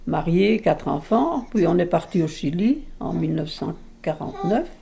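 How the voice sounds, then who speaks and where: A great-grandmother in her nineties from Belgium, telling her life story to a baby in a halting, emotional way with many restarts. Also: fairly low pitch, very animated, creaky, dark tone, slight background noise. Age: over 90. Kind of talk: intimate spoken memoir.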